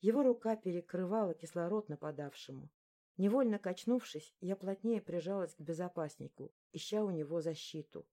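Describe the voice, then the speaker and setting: A woman telling a first-person story in steady, expressive audiobook narration. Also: on the low side, brisk.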